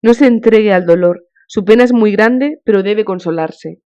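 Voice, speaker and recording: A devout countess, effusive and fervent, pressing consolation with feeling, as a woman reading the audiobook puts her on. Her voice sits at an ordinary mid pitch. The recording is slightly muffled and lo-fi. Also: normal speed, darkish tone, clean tone, lightly acted. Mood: consoling.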